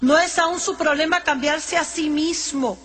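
High-voiced woman preaching in a reverberant hall. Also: a little slow, a bit bright. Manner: earnest, reads scripture aloud between teaching. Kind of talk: sermon.

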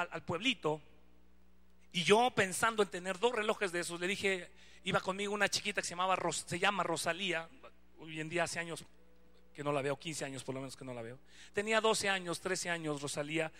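A man with a Mexican accent preaching a sermon, telling a personal story with lively, acted-out dialogue. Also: high-pitched, fairly quick. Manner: lively, acts out quoted dialogue.

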